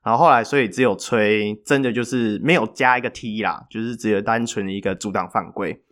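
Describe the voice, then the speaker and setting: A man, co-hosting a podcast and telling a story in a chatty, animated way with filler pauses. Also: fairly low pitch. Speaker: podcast co-host. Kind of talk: casual storytelling chat.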